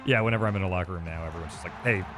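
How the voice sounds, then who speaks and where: A man's voice: low-pitched, rapid-fire, over music. A man chatting casually over a video game, telling anecdotes with hedging asides.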